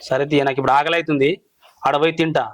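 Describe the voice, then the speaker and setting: A man's voice: on the high side, level tone, racing, no room sound, natural voice. A man, playing a hungry, henpecked village husband complaining to his wives. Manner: whining, complaining.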